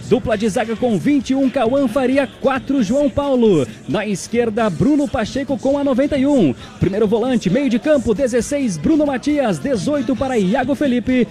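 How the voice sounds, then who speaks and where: A man's voice: very high-pitched, animated, moderate pace, warm tone. A man reads out football line-ups on the radio. He declaims each number and name in turn, over faint music. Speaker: football broadcast announcer. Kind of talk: team line-up announcement on sports radio.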